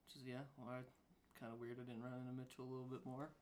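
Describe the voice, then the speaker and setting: A man's voice: mid-range voice, monotone, rapid-fire, darkish tone, slight background noise. A young man from Colorado, a podcast guest giving easygoing, short answers. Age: young adult. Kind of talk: casual interview.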